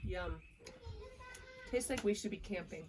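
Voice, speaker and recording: A woman's voice: on the low side, unhurried, crowd noise. A woman cooking outdoors for her family on a casual vlog, upbeat and coaching her kids along. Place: outdoors at a griddle.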